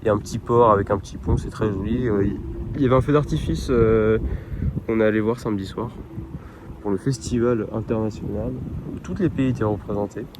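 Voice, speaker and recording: A young French man talks loosely into his phone on a windy waterfront at night, trailing off, restarting and dropping slang as he goes. His voice sits fairly low, and wind buffets the phone mic throughout. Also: fairly quick. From France. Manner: rambling, informal, lots of hesitations and slang. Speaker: vlogger. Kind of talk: casual travel vlog chat. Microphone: handheld phone camera. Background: wind and outdoor ambience.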